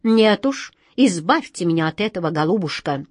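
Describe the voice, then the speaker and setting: A woman's voice: on the low side, expressive, moderate pace, breathy edge, no echo, studio quality. A woman voicing a decisive sea captain who brushes off omens with mild mockery, storybook style. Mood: dismissive. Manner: firm and dismissive. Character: calm, decisive, mocking sea captain man.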